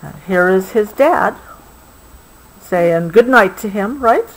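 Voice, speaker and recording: Reading to her child from a picture book, an American mom goes slowly and expressively in a medium-pitched voice, patiently handling interruptions and explaining things along the way. The audio is rough.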